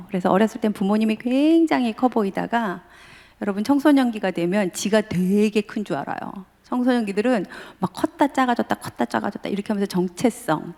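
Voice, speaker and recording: A woman's voice: medium pitch, vocal fry, a little mellow. A middle-aged woman professor giving a sermon in a church in a chatty storytelling way, often laughing and acting out family quotes. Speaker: guest speaker, professor. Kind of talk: sermon at a dawn prayer service, conversational storytelling. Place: church sanctuary. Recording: long hall reverb.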